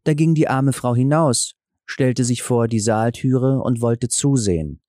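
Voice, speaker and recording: Man, fairy tale narrator, calm, measured, mellow dark voice, dry sound. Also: mid-range voice, dry recording. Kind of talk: fairy tale audiobook reading.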